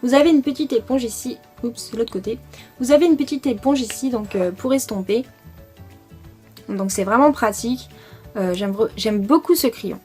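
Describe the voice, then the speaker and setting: Young french woman gushing about her makeup faves, lots of euh, soft music under it. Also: a little high, normal speed. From France. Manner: chatty, many fillers, enthusiastic about products. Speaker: beauty vlogger. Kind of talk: casual product review.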